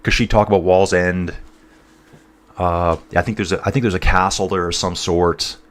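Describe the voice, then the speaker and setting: A man's voice: low voice, fairly even intonation, normal speed. A man from North East England hosting a casual cycling livestream, rambling between race commentary and reading out viewer chat, calling everyone dude and guys.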